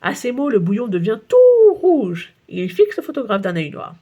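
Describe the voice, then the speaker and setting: A woman narrating a children's audiobook in a playful, expressive way. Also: on the high side, normal speed, breathy edge, lo-fi sound.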